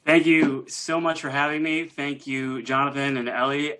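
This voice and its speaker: A man's voice: medium pitch, flat delivery, normal speed, pushed and bright, low-quality recording. A man doing a rambling, self-deprecating stand-up set over a video call. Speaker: stand-up comedian.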